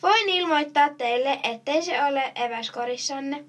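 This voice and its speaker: A woman reading a children's story, voicing a polite boy who calmly reassures a grown-up while searching. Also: high-pitched, far from the mic.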